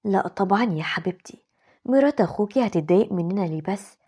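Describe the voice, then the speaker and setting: A woman with an Egyptian accent voicing a scheming, sweet-talking mother-in-law in an animated story, in a breathy voice. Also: medium pitch, fast talker. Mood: coaxing.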